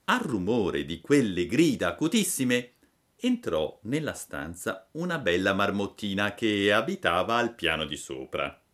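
A man reading a children's story aloud in an expressive, unhurried way. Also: fairly low pitch. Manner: unhurried, with lively rises and falls.

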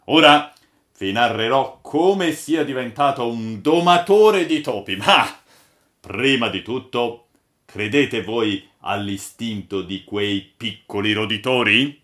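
A man voicing a gruff old ship's boatswain who spins yarns, booming and mock-stern, in an audiobook. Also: lively intonation, takes it slowly, a bit bright. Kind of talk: audiobook character voice.

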